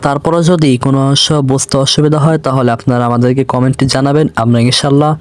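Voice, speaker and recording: A man teaching an online grammar lesson, patiently explaining step by step and slowly repeating example words. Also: medium pitch, fairly even intonation.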